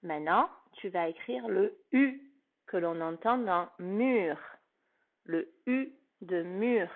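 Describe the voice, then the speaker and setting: Patient woman teacher, slow and clearly spoken, phonics lesson for a child, recorded with a thin phone-line sound. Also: mid-range voice, animated. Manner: slow, carefully articulated, patient, addressing a child.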